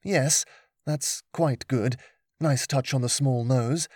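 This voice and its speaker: A man's voice: medium pitch, slow, darkish tone, breathy edge, no echo. A man reading aloud voices a patient male mentor who teaches with dry, teasing humour. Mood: wry.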